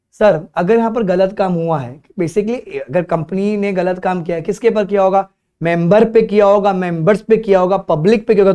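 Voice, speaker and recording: A man's voice: high-pitched, darkish tone. A young Indian man giving a law exam revision lecture, switching between Hindi and English, repeating key terms and acting out his students' questions. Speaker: law teacher.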